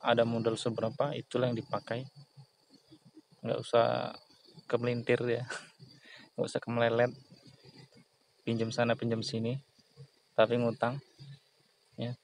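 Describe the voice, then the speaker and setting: A man gives folksy, repetitive business advice in a relaxed, earnest way, now and then chuckling at himself. He is recorded outdoors in a plantation, and a faint bed of insect and cricket noise sits behind his voice. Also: mid-range voice, unhurried, gravelly, long pauses, poor audio. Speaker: small business vlogger. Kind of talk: casual advice talk. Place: outdoors in a palm and banana plantation.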